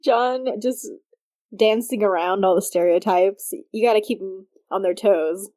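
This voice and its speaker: A woman's voice: medium pitch, a little slow, warm tone. A woman co-hosting a podcast, ranting with plenty of swearing in casual fan chat. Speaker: podcast co-host.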